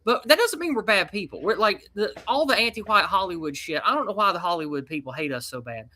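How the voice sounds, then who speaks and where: Man, East Tennessee twang, bright forceful tone, folksy rambling podcast guest. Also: high-pitched, animated, fast talker. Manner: folksy, rambling, with colloquial slang. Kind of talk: casual podcast chat.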